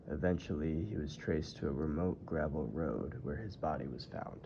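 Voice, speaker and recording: A man giving a scripted true-crime narration as a tour narrator, in a measured, formal storytelling delivery. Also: rumbling low, mellow. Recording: muffled audio with clear background noise.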